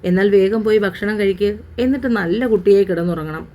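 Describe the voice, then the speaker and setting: A woman voicing an affectionate young husband who gently coaxes and scolds his wife. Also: high voice, quick pace, close to an everyday voice. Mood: soothing. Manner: gentle, coaxing, fond scolding.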